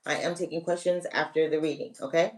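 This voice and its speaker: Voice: mid-range voice, steady tone, fast, far from the mic. Coaching spiritual host, a bit off-mic. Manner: coaching, repeats "okay?" to check in with viewers; emphatic, direct commands. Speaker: spiritual reader hosting a live stream. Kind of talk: casual live-stream ritual instruction.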